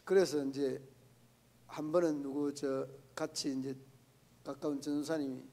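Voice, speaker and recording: A pastor preaches to his congregation in a high, gravelly voice. He talks to them in a conversational way and keeps putting questions to the room. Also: fairly even intonation, measured pace, warm tone. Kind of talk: sermon. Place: church prayer meeting.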